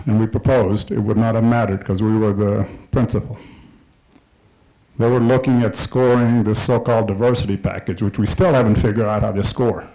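At a public session in a large indoor hall with a screen, a middle-aged Kenyan man gives a passionate, emphatic speech, repeating his key points. He speaks into a handheld microphone in a medium-pitched, darkish voice, captured on a low-quality recording.

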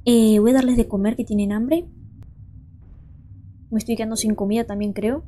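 A woman's voice: fairly high pitch, fairly even intonation, normal speed, mellow. A young woman, hosting a let's play and chatting to viewers as she thinks aloud. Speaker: gaming channel host.

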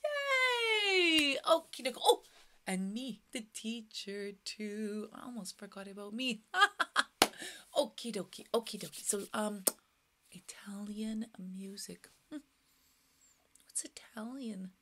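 A woman's voice: mid-range voice, lively intonation, slow pace, background noise. A woman in her thirties teaching a children's music class, speaking playfully and exaggerating for little kids, often dropping into stage whispers.

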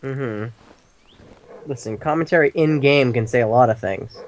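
A man co-hosting a game stream as commentator, goofy and jokey with deadpan asides. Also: medium pitch, normal speed, a little hiss or hum. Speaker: co-host commentator. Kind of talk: casual let's-play chat.

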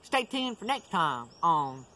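Standing in woodland, a young man hosts a casual instructional video, chatting informally to a handheld camera a few metres away. His slightly high voice swings widely in pitch, has a sharp tone, and takes its time. Outdoor ambient noise comes through the camera mic.

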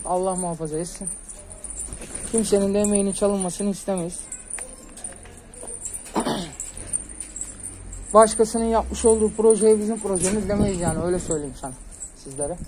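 Speaking high-pitched over a rough recording, this man keeps pigeons and vlogs from a rooftop on his phone. He chats casually but earnestly, giving his viewers advice and hissing softly to call the birds.

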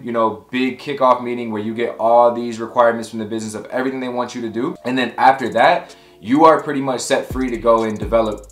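A man in his thirties, a tech career coach, explaining to camera in a relaxed, conversational way from his home office. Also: lowish voice. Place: home office with window, indoors. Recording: roomy echo with faint music.

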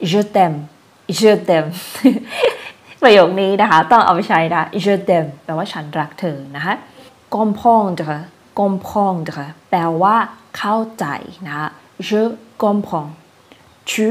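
A woman teaching French verbs, saying each form slowly and clearly, then explaining it with soft polite particles. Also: medium pitch. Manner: spells out verb forms word by word, then explains them; adds soft polite particles and small laughs. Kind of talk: slow, careful language lesson.

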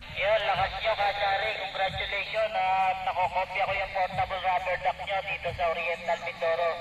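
A man's voice: high-pitched, level tone, normal speed, lo-fi sound. A man from the Philippines, an amateur radio operator, heard over a two-way radio making a polite, brief ham radio call. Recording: distant echoey noisy radio reception.

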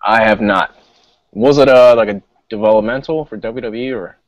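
A man's voice: on the low side, normal speed, dry recording. A man co-hosting a casual wrestling chat podcast, airing indignant opinions. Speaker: podcast co-host. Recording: dull, dry lo-fi sound.

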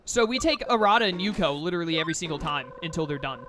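A man's voice: on the high side, expressive, very fast, sharp tone, slight background noise. A man giving casual, offhand let's-play commentary on a video game, chatting as he plays. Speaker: gaming video host.

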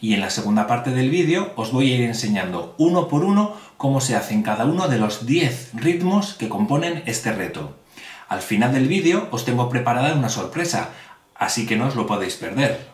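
A man teaching a hand-clapping rhythm in a video tutorial, speaking slowly and clearly and addressing viewers directly, indoors at a table. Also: medium pitch, sing-song, far from the mic. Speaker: music teacher. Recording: roomy sound with music behind.

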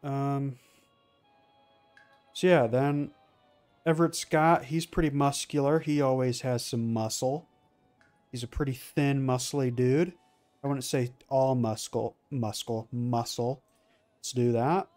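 A man's voice: mid-range voice, steady tone, slow pace, pauses often, darkish tone, faint music behind. A man giving casual, rambling commentary on his gameplay, full of fillers and restarts. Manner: rambling, filler-heavy, self-correcting. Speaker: let's play gamer.

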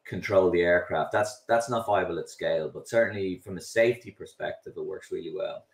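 A gravelly, low voice moving a little fast belongs to a middle-aged Irish man, the guest and founder of a drone delivery firm. Interviewed over video call, he explains his work with many restarts and repeated words, captured on a webcam and computer mic in roomy, slightly distant audio.

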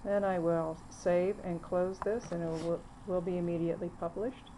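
A woman narrating a screen-recorded software demo, walking through the steps plainly with frequent fillers. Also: lowish voice, fairly even intonation, normal speed, a little hiss or hum, poor audio. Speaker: software demonstrator.

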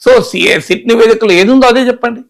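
A man's voice: very high-pitched, fast, creaky. A man giving political commentary, emphatic and full of rhetorical questions. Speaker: political analyst.

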